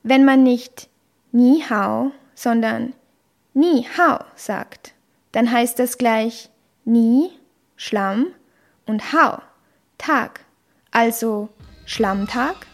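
A woman calmly narrating a scripted lesson, carefully demonstrating sounds. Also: a little high. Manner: slow, careful, demonstrates tones clearly. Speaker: language teacher.

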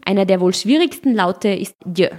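A woman with a mid-pitched voice narrates a scripted explainer. Her delivery is clear and explanatory, with a light playful touch at the ends of points. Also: animated, normal speed, a little mellow.

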